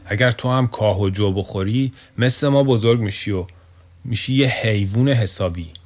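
A man voicing a kind, gentle male donkey in a children's story, giving patient, soothing advice. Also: fairly low pitch, close to an everyday voice.

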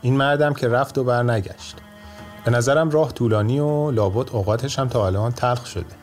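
Give me a calm, clever old judge in a bedtime story, as a man puts him on. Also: medium pitch, faint music behind, natural voice.

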